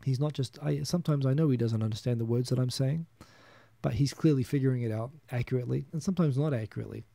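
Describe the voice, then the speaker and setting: Reading viewer comments on his casual solo live stream, this New Zealand man in his thirties rambles, chuckles, and keeps restarting. He talks fast in a mellow, gravelly mid-range voice, recorded with no echo.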